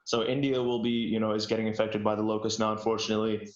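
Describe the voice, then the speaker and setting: A man's voice: fairly low pitch, level tone, fast. A man on a podcast panel giving a loose, conversational answer. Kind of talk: casual unscripted discussion. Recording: roomy, dull lo-fi sound.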